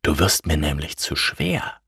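A friendly little wind from a storybook, as a male narrator voices it, airy and whispery, with a breathy, husky grain. It talks slowly and sits dry and close. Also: very deep voice, very animated, bright, forceful tone, no echo, voice pushed down, heavily acted. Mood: breezy. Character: small cool summer wind, friendly and breezy.

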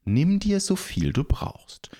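A man voicing a friendly old male Easter bunny in a children's story, speaking slowly in a high, airy voice. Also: wildly swooping pitch, dark tone, slightly rough, exaggerated voice. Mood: generous.

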